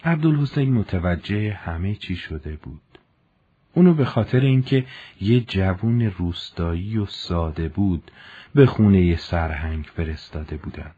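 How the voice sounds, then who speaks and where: Husky-voiced male storyteller. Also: deep voice, dark tone, lo-fi sound. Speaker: narrator. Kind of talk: storytelling narration.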